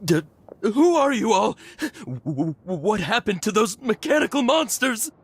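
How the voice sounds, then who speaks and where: A man's voice: high-pitched, sing-song, a little slow, breathy edge, exaggerated voice. An actor playing a panicked, paranoid man in a video game, shaken and stammering, with erratic gasps and sighs. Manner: stammering, gasping, sighing, erratic. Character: panicked, paranoid, rattled male wanderer. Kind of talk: scripted video game voice acting.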